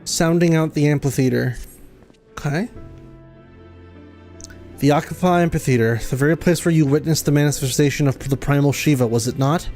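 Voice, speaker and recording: A man's voice: on the high side, moderate pace, pauses often, darkish tone, faint music behind. A man streaming a game, reading its dialogue aloud, tripping over fantasy names and laughing often.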